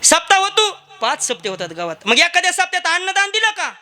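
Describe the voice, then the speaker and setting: A man preaching a humorous devotional kirtan sermon. He jokes and tells stories quickly, speaks straight to the crowd, and switches voices for quoted dialogue. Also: very high-pitched, huge pitch swings, bright, forceful tone. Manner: rapid joking storytelling, addresses crowd directly.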